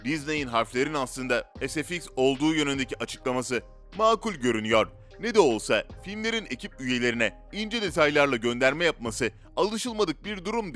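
This male narrator of a list video has a fairly high, slightly bright voice and delivers scripted lines as dramatic, rhetorical storytelling, with music playing behind him.

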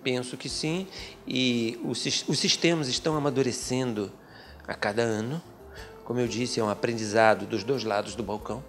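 Measured middle-aged man explaining methodically. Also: medium pitch, a bit bright, a little hiss or hum. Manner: measured, methodical, with frequent hesitation fillers. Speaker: lawyer and guest speaker. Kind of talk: explanatory interview answers. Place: small office with bookshelves, indoors. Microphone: handheld interview mic.

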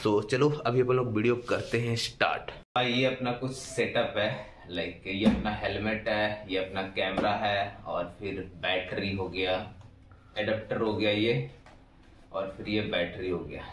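A man's voice: on the low side, a little hiss or hum. A young man chatting casually to viewers in an unboxing vlog, recorded on an earbud mic in a small indoor room. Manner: chatty, addresses viewers as guys. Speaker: vlogger. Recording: roomy, far from mic.

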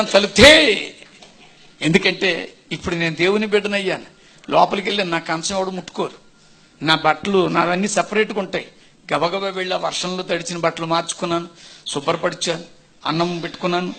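A man with a high, gravelly voice and a husky edge tells his conversion testimony as a sermon. He speaks to his listeners directly, earnest throughout, building to emphatic bursts. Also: sharp tone. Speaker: preacher giving testimony.

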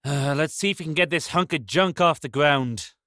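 A man's voice: fairly high pitch, moderate pace, sharp tone, no echo. Field: a grumpy frog man. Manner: gruff and dry. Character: grumpy reclusive frog man bounty hunter. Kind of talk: full-cast audio drama.

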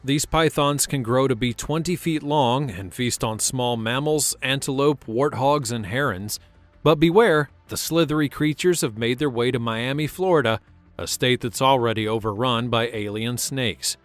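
A man narrating a scripted wildlife countdown, steady with dramatic emphasis, over faint music. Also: medium pitch, no echo. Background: faint background music.

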